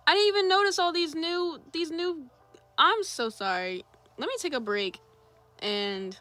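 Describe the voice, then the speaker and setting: A woman's voice: high-pitched, pushed and bright. A young woman chatting casually on a drawing livestream, reading chat aloud and greeting viewers. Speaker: streamer.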